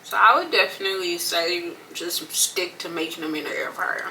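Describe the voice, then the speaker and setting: A woman's voice: fairly low pitch, normal speed, sharp tone, recorded from a distance, a little hiss or hum, low-quality recording. An American woman talks casually and colloquially in a mukbang, eating crunchy fried chicken between and during her phrases. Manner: folksy, colloquial, repeats phrases for emphasis. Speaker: mukbang vlogger.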